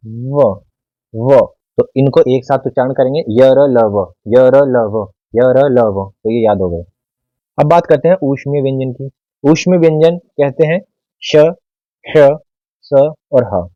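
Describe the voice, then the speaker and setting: A man teaching a lesson, slowly and deliberately sounding out each letter. The recording is dry and somewhat dull, like a lo-fi home setup. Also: mid-range voice, dry recording. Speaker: Hindi teacher. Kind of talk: explanatory lesson to camera.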